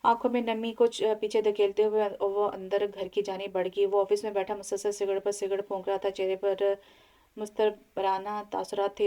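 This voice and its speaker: A woman's voice: mid-range voice, warm tone. A woman narrating a romance audio novel, reading steadily and often restarting words. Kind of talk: scripted narration.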